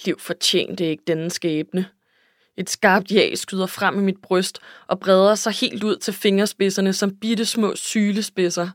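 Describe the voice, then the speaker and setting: A woman's voice: medium pitch, fairly even intonation, no echo, studio quality. A woman reading a first-person novel aloud in an emotional, intimate way. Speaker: audiobook narrator. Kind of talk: scripted first-person narration.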